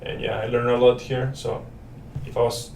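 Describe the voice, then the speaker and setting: A man's voice: medium pitch, flat delivery, normal speed, vocal fry, recorded from a distance. Young man, from Paraguay, Spanish native, casual rambling chat, roomy sound, set back from the mic. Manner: friendly, loose and rambling, many fillers and restarts. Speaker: student guest. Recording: roomy, off-mic with faint noise.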